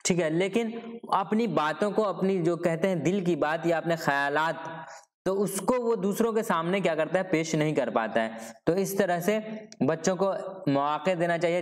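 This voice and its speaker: In this exam-preparation lecture on Urdu pedagogy, a teacher whose voice sits slightly high for a man takes students through the material one point at a time. He asks and answers his own questions, punctuating his talk with a regular "ठीक है".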